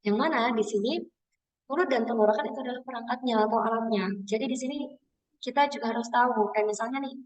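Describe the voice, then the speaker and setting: A woman's voice: fairly high pitch, fast talker, slight background noise. Woman teaching from a distant mic. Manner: casual instructive, often addresses listeners as friends. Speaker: public speaking trainer. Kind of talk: webinar lesson.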